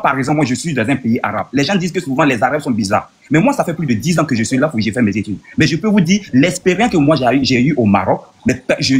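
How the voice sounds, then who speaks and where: A man in his thirties from Burkina Faso, arguing earnestly and point by point in a debate. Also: medium pitch. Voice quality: husky. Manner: earnest, rapid, reasoning point by point. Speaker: debate participant. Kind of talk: heated debate argument.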